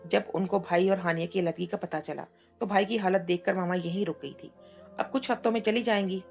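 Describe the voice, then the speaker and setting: Woman reading as a sweet stubborn young wife, kinda hurt, gravelly low voice, storybook style. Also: fairly even intonation, brisk, a little mellow, faint music behind. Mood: gentle. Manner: pleading, hurt.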